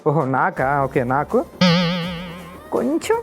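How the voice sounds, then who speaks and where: A man hosting a talk show, teasing his guest in quick, playful banter. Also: fairly high pitch, huge pitch swings. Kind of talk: playful casual chat. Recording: loud music underneath.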